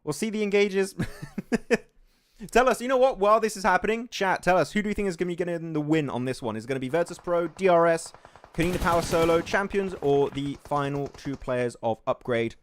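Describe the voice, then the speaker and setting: A man's voice: fairly high pitch, quick pace. A man co-hosts a live esports watch party, calling the action with energy. His voice jumps sharply when something surprises him, and he laughs often. A faint background noise sits under the recording.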